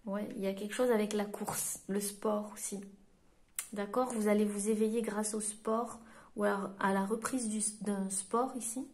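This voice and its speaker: A French woman works as a medium and gives a card-reading guidance to her audience. Her delivery is halting, full of pauses and restarts as she searches for the right words. Her voice sits at an ordinary middle pitch. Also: steady tone. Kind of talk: tarot-style guidance reading to camera.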